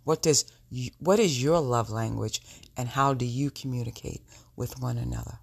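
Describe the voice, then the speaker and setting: Sultry, husky woman podcaster with gravelly creak. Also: extremely low pitch, moderate pace. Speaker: podcast host. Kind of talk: reflective solo podcast talk to listeners.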